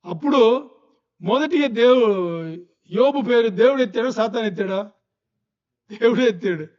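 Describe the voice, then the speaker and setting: A man's voice: very high voice, lively intonation, unhurried, lo-fi sound. A male pastor preaching a sermon, firing rhetorical questions at the congregation.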